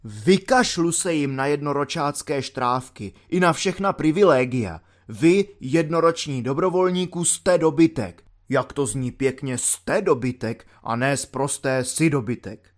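A man's voice: on the high side, animated, hardly any pauses, lightly acted. A man voicing a bitter, mocking young army volunteer locked in a cell, ranting sarcastically. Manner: sarcastic ranting, spits out insults. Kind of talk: audiobook character voice.

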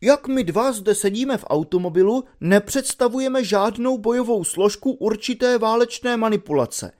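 A man voicing a pedantic, cool-headed young cadet in a storybook reading, lofty and raised in pitch. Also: animated, a little mellow. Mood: lecturing.

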